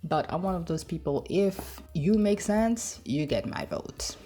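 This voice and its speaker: A woman's voice: lowish voice, big pitch swings, a little slow, warm tone, breathy edge, soft background music. A woman from Africa with an African accent, hosting a reaction video in a chatty, rambling, frank way. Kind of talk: casual chat.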